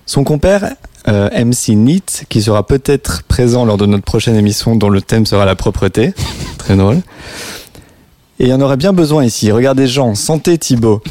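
A man's voice: mid-range voice, moderate pace, warm tone, no echo. A man co-hosting a late-night music show, chatting casually with fillers and reading out a written intro with jokey asides.

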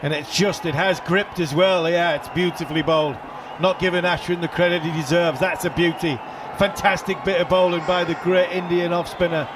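A man delivers cricket commentary as an analyst, in a slightly high voice. He explains and repeats points for emphasis, with clear ground noise behind him. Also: steady tone, brisk. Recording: noisy outdoor broadcast. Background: stadium background noise.

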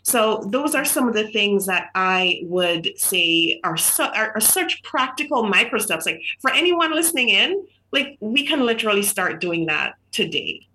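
On a casual podcast, a middle-aged Jamaican woman appearing as a guest author tells stories in a chatty, warm way, full of fillers and restarts. Her mid-range voice swings widely in pitch, and she speaks unhurriedly with few pauses, though the recording is rough.

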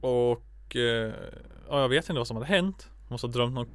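Man, casual podcast chat, laughs a lot, emphatic storyteller, medium pitch, dry close recording. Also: dry recording. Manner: laughs often, tells stories with emphatic repetition and swearing.

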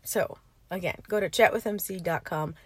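A woman with a lowish, slightly breathy voice talks at a moderate pace in a recording with no echo. She's a podcast host and coach rambling casually from her parked car, chatty and laughing often. The setup is informal, with no computer involved.

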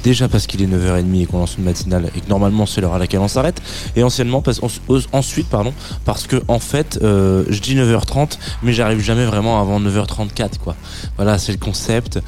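A man's voice: fairly low pitch, fairly even intonation, quick pace, a little mellow, faint music behind. A man hosting a casual morning radio show, rambling and correcting himself with a joking, offhand manner. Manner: rambling, self-correcting, jokey. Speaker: radio host.

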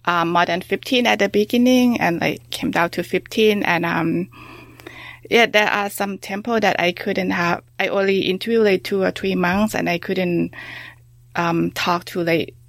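A woman with a Thai accent, a researcher answering interview questions in a halting way, full of fillers and restarts. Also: fairly low pitch, steady tone, vocal fry, dry recording. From Thailand. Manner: halting, many fillers and restarts, soft-spoken. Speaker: researcher guest.

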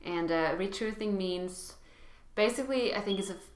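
A woman's voice: mid-range voice, normal speed. A woman interviewing a guest, asking questions and offering short, encouraging reactions, recorded with a roomy echo.

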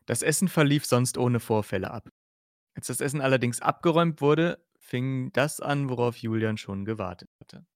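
A man, a podcast host, reading narration from a novel, steady with small slips. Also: medium pitch, normal speed, no room sound, clean studio sound.

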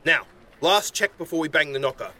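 A man's voice: fairly high pitch, lively intonation, fairly quick, bright, forceful tone. A man with an Australian accent, playing a scheming con man who scolds his sister in a scripted comedy radio play. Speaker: comedy podcast actor.

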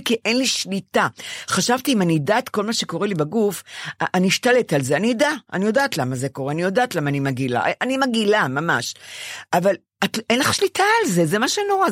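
An older woman chats with a co-host, her pitch leaping and dipping as she tells a long personal story. She acts out what she once said to others. The sound is close and dry, with no room around her. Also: no echo. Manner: animated storytelling, acting out her own past lines. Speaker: podcast co-host. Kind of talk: casual chat.

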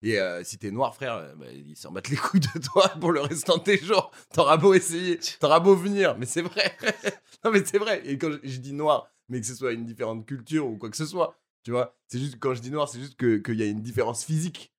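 A man's voice: mid-range voice, animated, a little fast. A man from France in casual podcast chat, stumbling over repeated words and using street slang.

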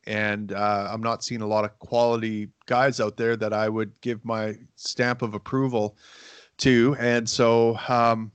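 Low, flat-voiced male podcast host. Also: unhurried, clean tone, dry recording. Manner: rambling, many restarts and fillers. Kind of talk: casual interview chat.

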